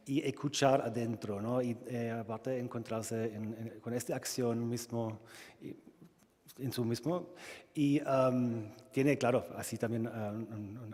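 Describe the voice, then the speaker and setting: Slow, halting man with a German accent. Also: mid-range voice, warm tone. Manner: halting, searching for words in non-native Spanish. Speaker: sculptor presenting own work. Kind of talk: informal conference presentation. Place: reverberant hall at a colloquium. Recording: echoey hall with long reverb.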